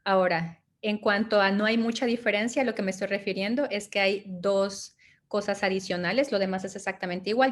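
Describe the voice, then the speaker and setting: A woman advising on migration in an interview, answering methodically and checking in with short tag questions. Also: medium pitch. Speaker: migration and study-abroad advisor.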